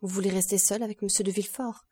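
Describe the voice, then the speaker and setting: A woman's voice: mid-range voice, steady tone, a little hiss or hum, lightly acted. A woman voicing an impassioned grieving young man. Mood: pleading. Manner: impassioned, louder and quicker. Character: young man, passionate and grief-stricken.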